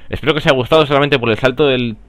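A young man with a Spanish accent from Spain, rambling and joking through live gameplay commentary, with sudden excited outbursts. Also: mid-range voice, racing. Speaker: gaming commentator.

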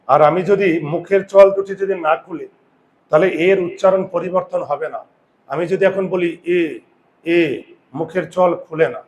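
A man teaching a grammar lesson who sounds out vowels slowly, repeats words and asks his students questions. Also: sits high. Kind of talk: classroom lesson.

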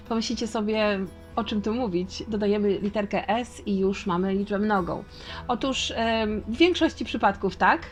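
A woman who owns a language school gives an online lesson in a clear, measured way, saying her example words slowly and carefully. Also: medium pitch. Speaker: language school owner and English teacher.

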